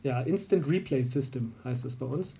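A man's voice: mid-range voice, normal speed, gravelly, warm tone. A man from Berlin, a basketball referee, explaining rules at length in a casual conversation, with many fillers and restarts.

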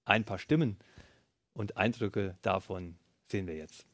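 A livestream host with a deep voice runs a live studio interview at a measured pace, and the audio has no room sound. He asks his guests questions and often murmurs agreement while they talk.

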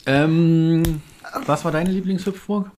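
A man's voice: on the high side, fairly even intonation, takes it slowly, darkish tone. A middle-aged man chatting casually as a podcast host, with many fillers and restarts, into a podcast microphone. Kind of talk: casual family chat.

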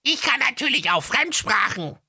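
A shrill, snarky parrot. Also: male voice, very animated, normal speed, sharp tone, husky, no echo, studio quality, exaggerated voice. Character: cheeky male parrot, half-plucked and jobless. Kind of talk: comic audio fairy tale.

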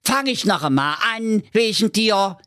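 A man's voice: high voice, big pitch swings, measured pace, a bit bright, smooth, voice pushed up, exaggerated voice. A man voicing a cheeky male magic pig with a Saxon accent, chanting nonsense spells in a huffy way.

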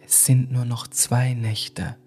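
A man's voice: medium pitch, little pitch movement, slow, a little mellow, slightly rough, faint music behind. A man voicing a frightened young woman in a spooky story, pleading and tearful. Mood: hushed.

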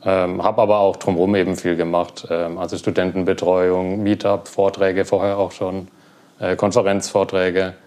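A young man being interviewed, talking relaxed about his work with many fillers. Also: sits low, normal speed. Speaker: guest, cloud platform engineer. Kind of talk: casual interview.

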